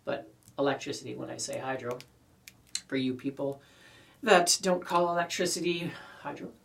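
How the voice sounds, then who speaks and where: A man's voice: mid-range voice, moderate pace, gravelly, fairly bright tone, a little hiss or hum. A man with a Canadian accent rambles casually to his viewers while smoking a pipe, recorded in a small shed. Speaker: pipe-smoking video creator. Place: small wooden garden shed. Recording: distant mic, poor shed acoustics.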